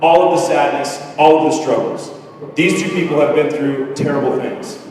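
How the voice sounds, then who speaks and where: Speaking at a normal speed with fairly even intonation, a teacher in his thirties gives a graduation speech in a fairly high, darkish voice. He's candid, joking and self-deprecating, and the audio carries a little hiss or hum, recorded by a distant mic from far off in an echoey large hall.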